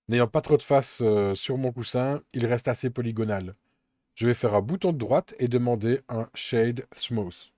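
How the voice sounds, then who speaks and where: A man walks through a software tutorial step by step, calm and methodical. His voice is dark and mellow, and the recording is dry and close with no room sound. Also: mid-range voice, no echo. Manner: calm, methodical step-by-step explaining with occasional fillers. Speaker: Blender tutorial instructor.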